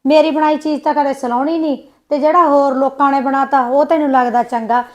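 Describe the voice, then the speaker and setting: A woman's voice: sits high, steady tone. A woman with a Punjabi accent acting a young village wife in a short film, complaining and snapping back. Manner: sulky, complaining, quick retorts.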